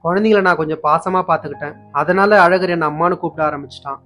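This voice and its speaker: A woman's voice: on the low side, fast talker, a bit bright, close to an everyday voice. A man voicing a hurt, pleading young woman. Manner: pleading, self-pitying. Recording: dull lo-fi with faint music.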